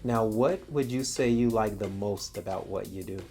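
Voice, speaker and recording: A man's voice: fairly low pitch, normal speed, a little mellow, faint music behind. Rambling, chatty male interviewer. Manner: rambling questions with restarts and "you know". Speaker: interviewer, host. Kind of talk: casual interview.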